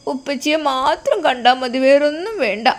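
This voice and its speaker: A small, tearful girl who begs for her father in a high, pleading voice, as a woman puts her on. The voice rises well above the storyteller's own and keeps a wistful ache through every line. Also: expressive, normal speed. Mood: tender.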